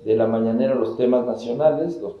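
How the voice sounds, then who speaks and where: A man's voice: medium pitch, fairly quick. Middle-aged man explaining in an echoey office. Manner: steady, explanatory, builds points in lists. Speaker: government communications official, guest. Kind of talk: measured political interview answers. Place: indoor office with wooden cabinets. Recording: roomy, slightly dull office sound.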